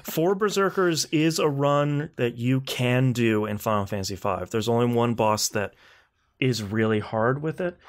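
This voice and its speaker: A man with a mid-range voice and measured pace hosts a video game podcast, chatting casually. He rambles with enthusiasm and a wry edge.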